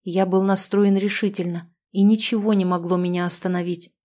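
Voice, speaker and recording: Female audiobook narrator, dark mellow tone, hushed and somber. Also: medium pitch, little pitch movement, normal speed. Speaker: audiobook reader. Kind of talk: first-person gothic story narration.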